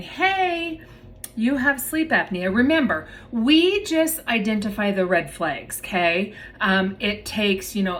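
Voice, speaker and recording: A woman's voice: medium pitch, a bit bright. Chatty woman therapist explaining to viewers. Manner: chatty, explains plainly, addresses viewers as "you guys". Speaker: myofunctional therapist. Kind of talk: casual educational talk to viewers.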